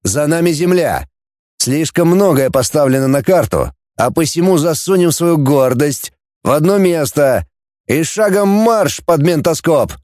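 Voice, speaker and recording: Gruff male fleet commander, voiced by a man, audiobook figure, sneering, barking orders, lively pitch. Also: a little slow, dry recording, studio quality. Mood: commanding.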